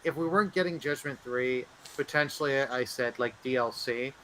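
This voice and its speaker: A man co-hosting a casual gaming podcast, talking excitably with stammering restarts. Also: medium pitch, moderate pace, a little hiss or hum. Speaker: podcast co-host.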